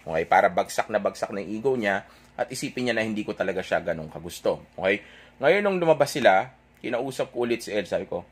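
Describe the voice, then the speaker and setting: A man's voice: lowish voice, expressive, quick pace, slightly rough. A young man telling an audience a dating story in a casual, rambling way, correcting himself and checking in with "okay?" after nearly every point. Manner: chatty, rambling, self-correcting.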